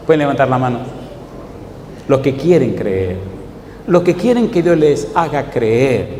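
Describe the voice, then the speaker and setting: A man's voice: mid-range voice, very animated, unhurried, mellow. A male pastor preaching a sermon to his congregation, firing off rhetorical questions and telling personal stories. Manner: tells personal stories, acting out the quoted voices. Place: church sanctuary. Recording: echoey church hall, faint background noise.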